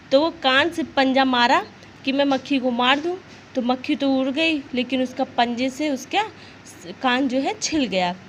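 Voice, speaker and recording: A woman teacher with a high voice reads a short children's story aloud. She stops often to explain simple words and check in with her listeners. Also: slight background noise, poor audio.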